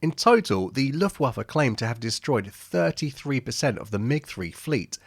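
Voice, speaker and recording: A man's voice: medium pitch, sing-song, normal speed, husky, no echo, clean studio sound. A man narrating an aviation history video as a scripted voice-over, with wry, jokey asides between the statistics.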